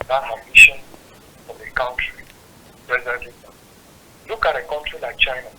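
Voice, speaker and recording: A man's voice: medium pitch, sharp tone, slight background noise. A man calling in to a radio phone-in. His voice comes through the phone muffled, as if through a wall, and he talks earnestly, breaking off and restarting as he goes. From Nigeria. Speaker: caller.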